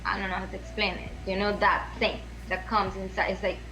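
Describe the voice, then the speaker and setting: Fairly quick, bright, and forceful, yet level in tone, a mid-range female voice comes through a low-quality recording with a little hiss or hum. She's a Venezuelan podcast guest speaking earnestly with a Venezuelan Spanish accent, often restarting or repeating phrases while hunting for the right word.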